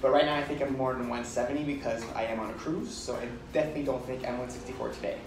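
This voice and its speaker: A man in his thirties chatting as a vlog co-host on a cruise ship balcony, friendly and explanatory, often agreeing with a quick yeah. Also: mid-range voice, steady tone, echoey room, distant mic, background noise. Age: 30s. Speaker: vlogger co-host. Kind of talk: casual chat.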